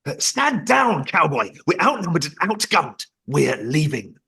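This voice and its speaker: A man reads a brusque commanding officer who barks clipped, impatient orders with a sharp tongue. The voice is bright and a little husky, and it swings widely in pitch. It is a plain table read over a video call. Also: very animated, unhurried, heavily acted. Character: brusque commanding male officer, scornful of Americans.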